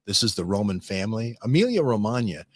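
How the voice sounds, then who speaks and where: A man hosting a casual studio discussion, rambling and animated, often restarting and checking in with "right?". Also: on the low side, quick pace. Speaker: host.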